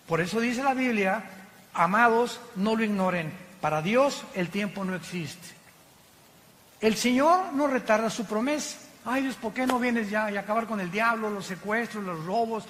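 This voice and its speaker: A man preaching a passionate sermon from the pulpit, with sudden loud exclamations. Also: sits high. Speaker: pastor. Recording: long hall reverb.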